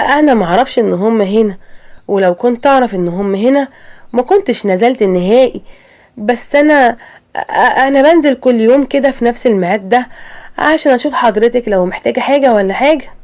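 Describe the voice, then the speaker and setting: A timid young wife from an animated Egyptian story, as a woman storyteller puts her on. She speaks fast with an Egyptian accent, stumbling over her words before standing up for herself. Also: a little high, lightly acted. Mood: stammering. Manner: stammering, then indignant.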